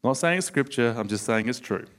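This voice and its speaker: An Australian man teaching a sermon to a live audience in a lively, conversational way, asking them questions. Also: medium pitch, brisk. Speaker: preacher.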